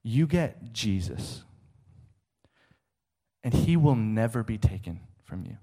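A man's voice: lowish voice, expressive, takes it slowly, warm tone. A middle-aged man preaching a sermon, emphatic and rhetorical, often checking in with the listener.

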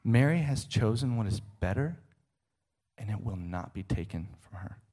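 A man preacher voicing a calm male teacher who corrects kindly in a soft, measured way. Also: fairly low pitch. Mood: gentle.

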